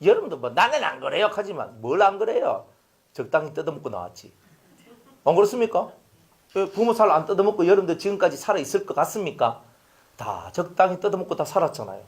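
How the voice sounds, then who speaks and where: Man preaching in church; high-pitched, animated, peppers the congregation with questions. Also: fast talker. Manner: animated, swings from loud to hushed, rhetorical questions to congregation. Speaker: pastor. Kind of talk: sermon. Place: church sanctuary.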